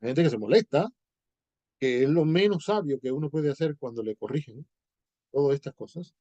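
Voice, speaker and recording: Male Venezuelan teacher, informal lecture, acts out examples, slightly high voice. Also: lively intonation, moderate pace, dark tone, dry recording, lo-fi sound. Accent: Venezuelan Spanish. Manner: explains with examples, acts out dialogues.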